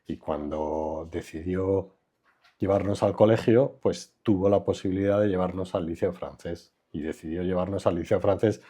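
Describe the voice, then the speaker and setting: In a relaxed conversational interview, an older architect from Madrid, Spain, answers with a low, husky, mellow voice and fairly even intonation. He's reflective and unhurried, often trailing off with fillers.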